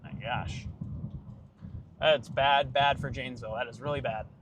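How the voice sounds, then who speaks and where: A male storm chaser narrates live from a moving vehicle. His medium-pitched voice is urgent and anxious, speaking as a commentator on the road. Clear car noise runs behind him. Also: steady tone, brisk, lo-fi sound.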